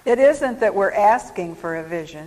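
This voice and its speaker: A woman's voice: mid-range voice, lively intonation, dark tone. A woman preaching, telling stories in short phrases for an interpreter. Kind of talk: sermon spoken for live interpretation. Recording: echoey hall.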